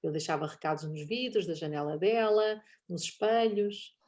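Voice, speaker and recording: A woman's voice: lowish voice, moderate pace. A middle-aged woman with a European Portuguese accent, talking casually as a guest speaker, laughing often and acting out bits of dialogue. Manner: animated, laughs often, acts out quoted dialogue. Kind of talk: online talk session, casual conversation.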